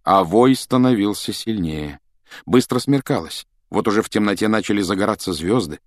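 A male narrator with a low voice reads an adventure story with dramatic, expressive pacing. The recording is dry and close, with no room sound. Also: dry recording. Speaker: audiobook narrator. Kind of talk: expressive audiobook reading.

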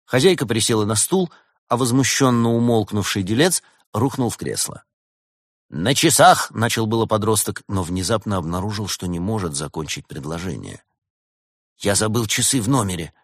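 Lively male storyteller, low voice. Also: brisk, dry recording, clean studio sound. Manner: expressive, acts out all the characters. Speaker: narrator. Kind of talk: audiobook storytelling.

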